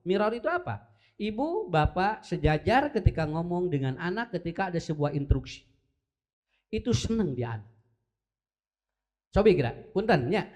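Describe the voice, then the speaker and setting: A man with a Sundanese accent giving a lively religious talk on parenting, speaking directly to mothers and fathers and acting out tones of voice. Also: high voice, normal speed, long pauses. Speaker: Islamic preacher.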